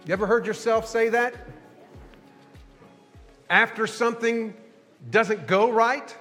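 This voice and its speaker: A male pastor delivering a sermon in a folksy storytelling way, pausing between phrases to let them land. His voice sits high for a man. A long reverb from the sanctuary trails behind every word. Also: steady tone, fairly bright tone, soft background music. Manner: folksy storytelling, drawn-out rhetorical pauses.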